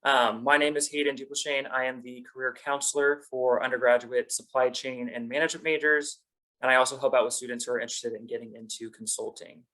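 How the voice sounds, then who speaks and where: A man's voice: mid-range voice, fairly even intonation, quick pace, sharp tone, poor audio. A man working as a career counselor, hosting a webinar in an upbeat, organized way over a video call.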